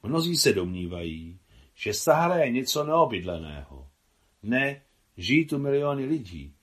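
A man reading the lines of a worldly, good-humoured army doctor in an audiobook, with calm, gently reflective speech. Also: mid-range voice, pitched above the performer's own voice.

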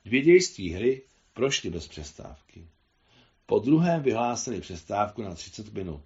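Guy reading a novel translation aloud, low voice, kinda muffled lo-fi sound. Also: very animated, a little mellow.

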